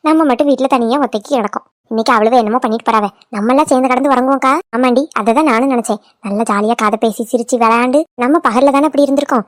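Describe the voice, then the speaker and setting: A woman's voice: high voice, dry recording, studio quality, close to an everyday voice. A woman voicing a chatty, fretful older village mother-in-law in a cartoon.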